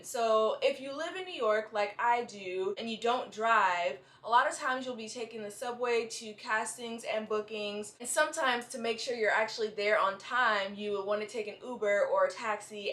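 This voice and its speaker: Young woman, slight retainer lisp, higher voice. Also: fairly bright tone. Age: young adult. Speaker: vlogger, model giving advice. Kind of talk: casual explanatory vlog to camera. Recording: roomy indoor echo.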